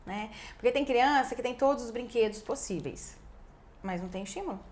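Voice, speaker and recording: A Brazilian woman, a speech therapist, talks in a somewhat high voice. She explains in a lively, conversational way and drops in quick tag questions. Her delivery stays chatty and expressive throughout. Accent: Brazilian Portuguese. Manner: lively, acts out parents' voices, frequent "né".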